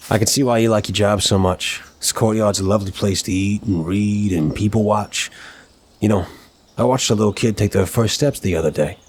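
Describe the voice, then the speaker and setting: A man with a lowish, slightly rough voice plays an apologetic, flirtatious mafia boss in an intimate ASMR roleplay. He speaks courteously and teasingly, with a slightly halting delivery.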